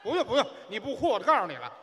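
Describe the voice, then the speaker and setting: A man performs crosstalk comedy on a theater stage and speaks. His voice is high and bright, with a swooping, very animated delivery. He answers in stubborn, indignant retorts, and the sound carries a long hall echo with faint background noise. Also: rapid-fire, a faint crowd. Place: theater stage before a large audience.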